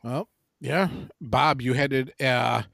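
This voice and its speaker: A man's voice: mid-range voice, slow, vocal fry, a bit bright, no echo. A man hosting a casual podcast countdown, blunt and a bit profane as he moderates his co-hosts. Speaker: podcast host running a countdown list.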